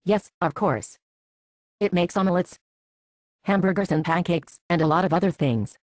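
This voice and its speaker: A woman's voice: lowish voice, normal speed, darkish tone, no room sound, close to an everyday voice. A woman with a Swedish first language playing a cat's secret agent in a home video skit, teasing and bossy. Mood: playful. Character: female secret agent of a blogging cat.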